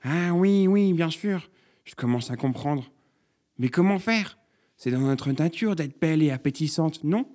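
A man's voice: a little high, lively intonation, dark tone, pitched above the performer's own voice. A man playing a vain plump zucchini lady. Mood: puzzled. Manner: preening, slow to understand.

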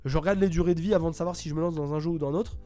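A man's voice: fairly high pitch, fairly even intonation, racing, dark tone, faint music behind. A man reviewing a video game in casual talk from home, hesitant and full of fillers and restarts. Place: home, at a computer.

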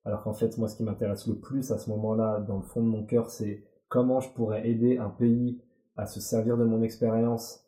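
A very dark, mellow man's voice in an echoey room. He talks candidly and bluntly as an interview guest in his forties, swearing freely. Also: lowish voice, little pitch movement, fairly quick. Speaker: guest, former Olympic athlete. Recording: roomy echo.

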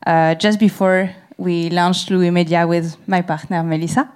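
A woman's voice: lowish voice, little pitch movement, measured pace, darkish tone, clean tone. A French woman speaking English with a French accent, conducting a prepared interview on stage and laughing easily. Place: event stage before an audience.

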